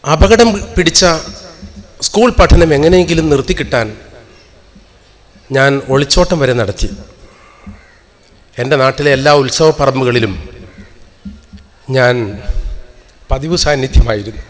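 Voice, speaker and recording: Middle-aged man, earnest public speaker, mid-pitched and steady. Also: unhurried, pauses often. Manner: earnest, reminiscing address to an audience. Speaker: alumnus speaking at a college reunion. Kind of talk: public speech.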